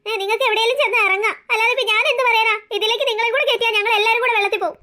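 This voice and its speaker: A steady middle-aged cartoon father reassures his family and lectures them in a quick, bright voice. A woman acts him out. He sounds even and unshaken. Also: extremely high pitch. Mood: steady reassuring. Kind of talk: cartoon story voice acting.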